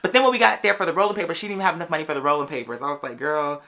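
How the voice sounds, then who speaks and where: Here a podcast host chats through a personal story to her audience, voice at medium pitch and energy high. Expect sass, lots of slang, emphatically stretched words, and listeners hailed as "girl."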